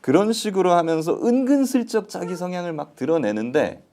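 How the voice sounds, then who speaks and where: A man, a lawyer guest, giving animated commentary on a political talk show. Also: high-pitched, brisk.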